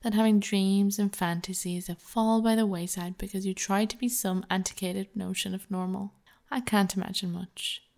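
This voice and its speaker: A woman reading a scripted hypnosis narration in a measured, soothing, persuasive way. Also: mid-range voice, steady tone, vocal fry, a little mellow.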